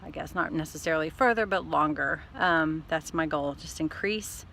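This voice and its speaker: A woman's voice: deep voice, normal speed, creaky, a bit bright, a little hiss or hum. A woman chatting casually in a rambling, upbeat, self-deprecating way, like a trail running vlogger talking to her followers. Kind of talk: casual vlog chat to camera.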